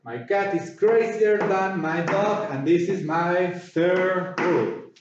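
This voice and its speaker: Slow, high-voiced man teaching grammar. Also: background noise. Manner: slow, repeats words and spells letters out. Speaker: English teacher. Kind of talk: classroom grammar lesson. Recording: echoey, distant, dull room sound.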